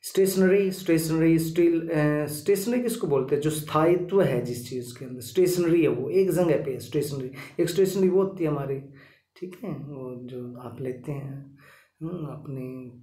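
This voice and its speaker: A man's voice: on the high side, normal speed, dark tone, echoey room. A man teaching a vocabulary lesson, repeating each word several times and checking in with his listeners as he goes. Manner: repetitive, drilling each word with "ठीक है".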